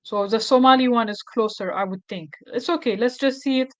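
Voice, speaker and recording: A woman's voice: on the high side, brisk, no room sound. A woman hosting a casual screen tutorial, thinking aloud with fillers and self-corrections. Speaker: tutorial host.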